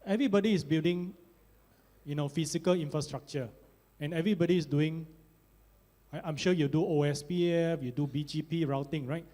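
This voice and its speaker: Casting: male tech presenter with Singaporean accent, informal, tag-question habit, soft-edged tone, big echoing hall. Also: on the high side, fairly quick. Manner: checks in with listeners using tag questions. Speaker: conference speaker, network engineer presenter. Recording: reverberant conference hall.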